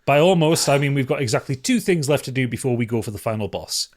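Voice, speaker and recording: Reading out listener messages on a casual podcast, this male co-host talks fast with lively intonation at a medium pitch, mixing in dry humour and a bit of swearing.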